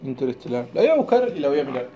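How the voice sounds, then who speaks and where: A man's voice: medium pitch, sing-song, rapid-fire, lo-fi sound, a crowd in the background. A young man with a Rioplatense Spanish accent co-hosting a casual podcast, joking around, laughing often and playfully exaggerating. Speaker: podcast co-host. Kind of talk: casual chat.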